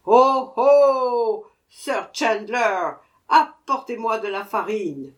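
A woman voicing an irascible tiny bearded male dwarf who shouts his demands in a storybook reading. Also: high voice, animated, a little slow, voice pushed up. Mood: bossy.

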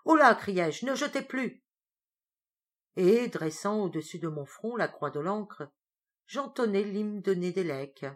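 A woman reading a first-person sea tale aloud in a dramatic, theatrical way. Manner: expressive, theatrical, with sudden rises in pitch and loudness for suspense. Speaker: storyteller.

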